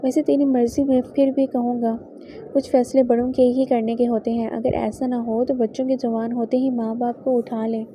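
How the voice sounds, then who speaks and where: An elderly village father, gentle but firm, coaxing his son with homespun fatherly sayings, as a woman reads him aloud. The voice stays level and very mellow and dark, with little rise or fall. It comes from a spoken audiobook novel. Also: on the high side, level tone, slight background noise, natural voice.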